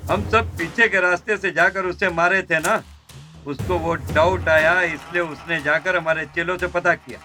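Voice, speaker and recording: A man's voice: high voice, fairly even intonation, normal speed, pushed and bright, faint music behind. An actor dubbing a boastful, scheming male gang member. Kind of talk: Hindi film dub.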